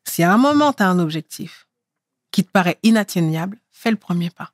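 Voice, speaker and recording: A middle-aged actress from France talks through her career in a casual interview. She is animated and emphatic, and her pitch swings a lot as she makes her points. The sound is dry and close. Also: brisk, dry recording.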